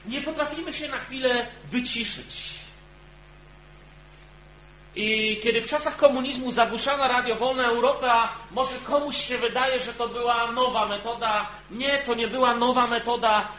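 A man with an extremely high, pushed and bright voice preaches a sermon at normal speed, earnestly asking the gathered congregation direct questions. The sound is echoey and dull, with a faint hum.

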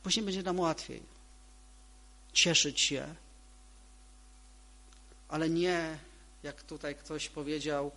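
A man preaching a sermon to a congregation, emphatic, repeating key phrases and moving between loud and soft delivery. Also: on the high side, fairly even intonation, slow, long pauses.

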